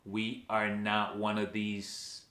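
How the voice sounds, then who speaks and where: A man's voice: lowish voice, completely flat delivery, takes it slowly, pushed and bright, echoey room, a little hiss or hum. A man from Venezuela, hosting his own channel, speaking emphatically and often checking in with "okay" and questions to his viewers. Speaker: vlog host. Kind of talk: direct-to-camera commentary.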